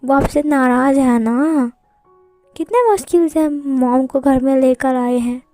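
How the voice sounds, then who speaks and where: A woman performs a cheeky ten-year-old boy who nags and bosses the grown-ups around. The voice sits high and mellow. It is heard up close in a dry recording. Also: a little slow, no room sound, faint music behind. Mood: chatty. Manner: pestering, bossy, childish. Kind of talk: fan fiction storytelling.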